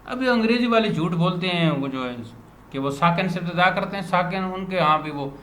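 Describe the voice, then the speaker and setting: A man teaching a grammar lesson to a student, patiently repeating words slowly as a drill. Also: high-pitched, a bit bright. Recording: roomy echo, faint background noise.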